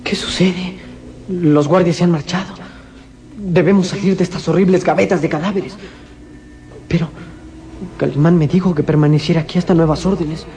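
A man's voice: a little high, fairly even intonation, moderate pace, long pauses, mellow, close to an everyday voice. An actor playing a small, loyal, anxious boy sidekick in a melodramatic radio drama, earnest and deferential. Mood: puzzled, cautious. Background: dramatic music.

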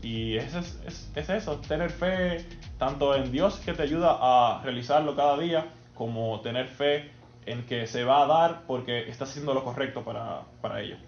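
Man, 22, athlete guest, thoughtful, hesitant, mid-pitched voice, echoey room, dull audio. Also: normal speed, faint music behind. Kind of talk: interview answers.

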